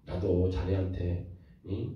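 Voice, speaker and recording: A man voicing a gentle, forgiving husband who coaxes softly in a Jeolla dialect accent. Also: sits low, little pitch movement, voice pushed down. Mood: tender. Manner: soft, coaxing, slow. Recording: echoey room from far off, dull lo-fi.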